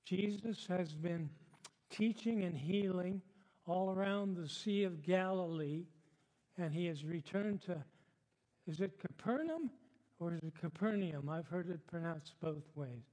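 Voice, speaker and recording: An older man preaching a sermon as the church pastor, chatty and unhurried, with frequent laughs and filler words. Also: sits high, warm tone. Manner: chatty, slow, laughs often, many fillers. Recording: long hall reverb. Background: congregation responding.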